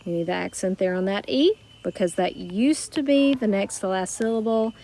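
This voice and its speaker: A woman teaching a recorded grammar lesson, explaining slowly and carefully with worked examples. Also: mid-range voice, warm tone. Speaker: Spanish teacher.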